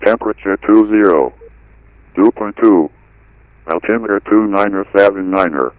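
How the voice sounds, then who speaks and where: A man's voice reading an automated airport weather broadcast over the radio, reciting numbers and runway notes in an even, clipped way. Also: fairly low pitch, normal speed, no room sound, phone-quality sound. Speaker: automated airport information recording.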